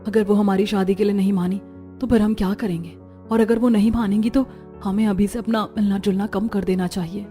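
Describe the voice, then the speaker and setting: A woman voicing a timid young woman in love, speaking softly and with worry, in a cartoon story. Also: mid-range voice, fairly even intonation, fairly quick, soft background music, close to an everyday voice. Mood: worried. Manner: soft, worried and hushed.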